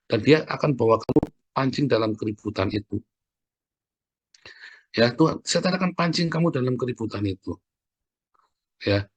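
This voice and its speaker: A man delivering a sermon in a relaxed, talky style. His voice is somewhat husky, and it is recorded close and dry with no room sound. He keeps calling on his listeners directly as he exhorts them. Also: mid-range voice, dry recording. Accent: Indonesian. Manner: conversational preaching, addresses listeners as "saudara". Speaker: pastor.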